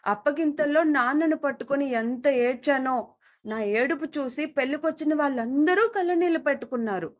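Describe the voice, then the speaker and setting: A woman with a high voice tells a first-person audio story. She keeps it soft and intimate and reads the characters' lines as they come up.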